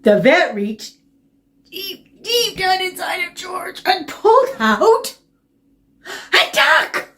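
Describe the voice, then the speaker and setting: Storytime woman reading to toddlers: high, very slow, playful and exaggerated. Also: very animated, a bit bright. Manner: drawn-out, playful animal noises and repeated words. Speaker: library storytime host reading a picture book. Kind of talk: lively read-aloud storytelling for small children.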